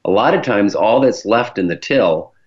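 A low-voiced man with a Michigan, Great Lakes accent hosts a branding show. He explains things conversationally and speaks straight to his listeners. The sound is a little dull and lo-fi. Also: expressive, moderate pace. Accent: Michigan, Great Lakes American. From Michigan, United States. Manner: chatty, explanatory, addresses listeners directly. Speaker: podcast host, branding professional.

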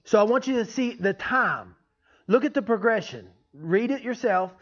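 A man's voice: high-pitched, expressive, normal speed, a bit bright. A man giving an informal, folksy teaching sermon as a preacher, often checking in with his listeners. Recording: dull, lo-fi sound.

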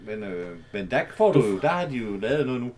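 A man's voice: mid-range voice, sing-song, darkish tone, slight background noise. A man in casual chat, dry and informative, explaining details. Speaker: podcast co-host, former postal worker.

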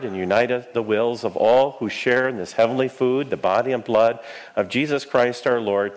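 A man speaking as a Lutheran pastor, leading prayers and liturgy in a measured, solemn, formal way. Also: medium pitch, poor audio.

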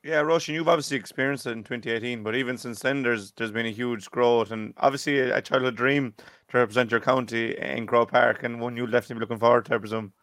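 A man's voice: medium pitch, fairly even intonation, quick pace, fairly bright tone, no room sound, studio quality. A man hosting a casual sports podcast and putting questions to guests. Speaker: podcast host, interviewer.

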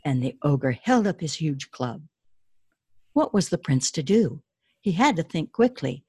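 A woman who writes children's books talks eagerly about her readers, often restarting her sentences as she goes. Her voice is low and husky. The recording is dry and close. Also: very animated, unhurried, warm tone, dry recording. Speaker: children's author. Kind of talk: interview answers and storybook reading.

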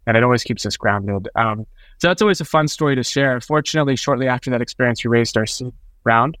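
A man's voice: medium pitch, fast talker, fairly bright tone, no echo. A man speaking as a startup co-founder, telling stories conversationally in an interview with an informal tech-founder way of talking.

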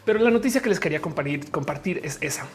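A chatty woman streamer whose Bogotá accent has mostly worn off under Mexican slang. Her voice sits a little low for a woman. She talks in a loose, animated flow and drops casual swears as she reads the chat. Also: very fast. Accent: faded Bogotá Colombian, mixed with Mexican slang. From Colombia, Bogotá.

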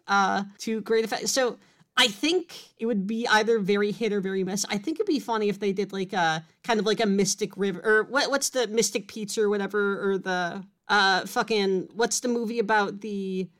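A woman's voice: mid-range voice, a little fast, a bit bright. Woman with upstate new york accent, casual podcast chat, drops word endings. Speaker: podcast co-host.

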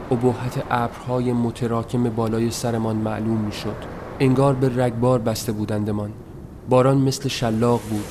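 A man reading a story aloud in a soft, measured, somber voice, as scripted narration. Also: mid-range voice. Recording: noisy recording.

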